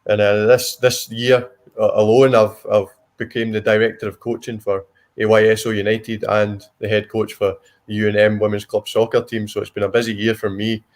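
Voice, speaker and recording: Low, even-toned man with a broad Scottish accent. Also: moderate pace. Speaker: soccer coach. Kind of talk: interview answers, casual.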